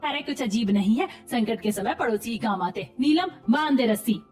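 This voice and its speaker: A woman's voice: fairly high pitch, lively intonation, moderate pace, darkish tone, far from the mic, faint music behind, natural voice. A woman voicing a scheming, pushy older village woman in a cartoon, talking in a coaxing, insistent way.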